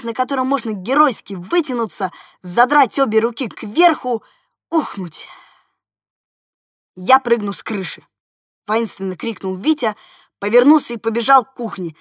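A woman reading a literary story aloud in a measured, expressive narration. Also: on the high side, no room sound, studio quality. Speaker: reader.

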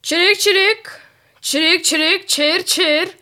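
A woman voicing a tiny male cricket in a storybook, chirping in high piping bursts. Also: slow pace, bright, forceful tone, exaggerated voice. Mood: chirpy.

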